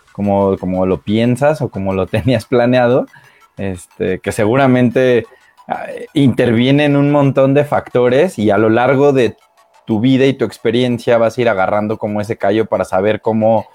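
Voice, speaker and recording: A man's voice: medium pitch, a little mellow. A man co-hosting, chatting casually and rambling with many fillers. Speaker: co-host. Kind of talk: casual chat.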